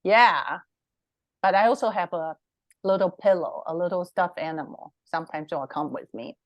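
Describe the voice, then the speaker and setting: A woman's voice: on the low side, normal speed, no room sound, highs cut off. A woman, the book's author, reading her picture book aloud to children at storytime, encouraging and asking them questions.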